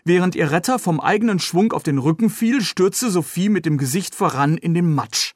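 A man's voice: sits high, animated, normal speed, no room sound, clean studio sound. Man reading a novel aloud. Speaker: author reading his novel.

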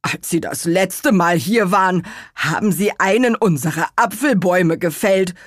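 A woman voicing the busy male chief of the apple manikins, brisk and practical. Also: lowish voice, dry recording, clean studio sound.

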